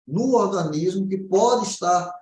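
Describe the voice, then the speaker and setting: This Brazilian man plays a naturopath fielding questions in an informal health consultation, explaining casually and often checking that the listener is following. His voice is high, expressive and slightly dark in tone, and he talks a little slowly. The recording has a roomy echo.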